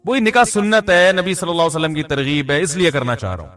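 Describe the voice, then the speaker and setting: A man's voice: on the high side, expressive, fairly bright tone. A middle-aged male religious scholar speaks in a slightly raised voice, spinning funny stories into his talk. He scolds and jokes in turns, easy and conversational rather than preachy. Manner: humorous, storytelling, scolding asides. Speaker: Islamic scholar giving a talk.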